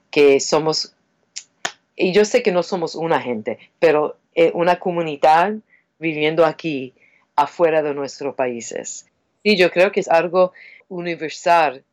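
A woman with a New York Puerto Rican accent whose first language is English, a playwright telling stories in a casual interview and slipping into English now and then. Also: low voice. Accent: New York Puerto Rican Spanish. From Puerto Rican community in New York. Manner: lively storytelling, animated quoting.

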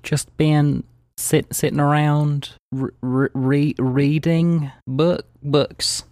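A woman's voice: sits low, expressive, normal speed, darkish tone, no echo, studio quality. A game master voicing a shy, introverted island woman who stutters and says y'all. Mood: nervous. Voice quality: stutter, folksy y'all speech.

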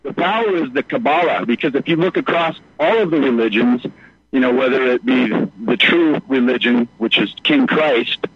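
Middle-aged man, caller on a buzzy speakerphone, husky voice, earnest and rambling, dull muffled line. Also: mid-range voice, moderate pace. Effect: speakerphone call. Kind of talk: call-in radio talk. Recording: muffled speakerphone call on radio.

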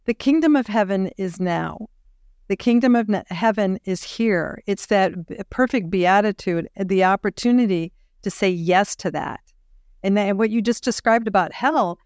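A woman's voice: mid-range voice, no room sound. Reflective woman host, dry mic. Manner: reflective, slows down on key phrases. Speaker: podcast host. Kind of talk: interview conversation.

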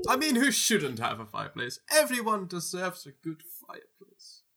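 A man with a bright, slightly high voice plays a tabletop role-playing game. He improvises casually, with a hesitant, playful manner. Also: wildly swooping pitch, normal speed. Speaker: tabletop role-play player.

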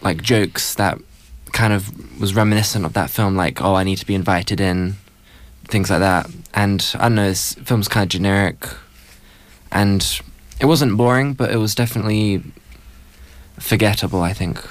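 A man chats through a film review with little fuss. His voice is fairly low and understated, with no room echo. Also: normal speed. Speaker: film critic.

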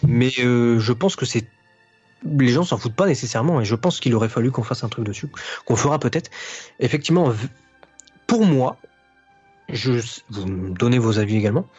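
A man's voice: mid-range voice, lively intonation, a little fast, a little mellow, husky, soft background music. A man speaking as a podcast guest, explaining his views at length with frequent fillers and restarts. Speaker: guest YouTuber analysing anime. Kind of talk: casual podcast discussion. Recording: dull lo-fi recording.

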